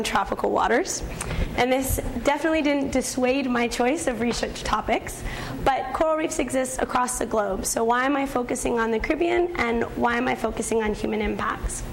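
Young woman, hoarse frog voice, croaky and gravelly, high-pitched, scientific talk to an audience. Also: a little hiss or hum. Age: young adult. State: voice partly lost from much talking. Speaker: graduate researcher presenting a talk.

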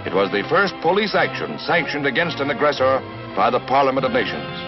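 A man's voice: mid-range voice, very animated, brisk. A man giving dramatic, emphatic old newsreel narration from an archive film. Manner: emphatic, declamatory delivery. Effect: old 1950s newsreel narration. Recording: dull lo-fi archive film soundtrack. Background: orchestral music.

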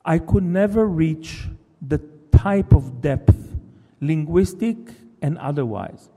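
The long reverb of a hall carries this man's somewhat high, animated voice, warm and husky in tone. He is a Hebrew-speaking novelist delivering a reflective talk in English, pausing thoughtfully and frequently starting his sentences over.

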